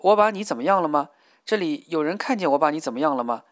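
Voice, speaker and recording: A man's voice: fairly high pitch, expressive, fast, no room sound, studio quality, natural voice. A man reading a novel aloud, voicing a crude, pushy middle-aged male worker who talks in a grinning, wheedling way. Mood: leering.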